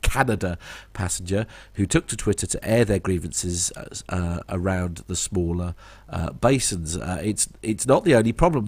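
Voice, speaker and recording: A man's voice: on the low side, a little mellow, slightly rough, dry recording. A man with a British accent co-hosting a podcast, talking through news stories in a casual, wry, self-interrupting way. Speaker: podcast co-host. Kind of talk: casual news chat and commentary.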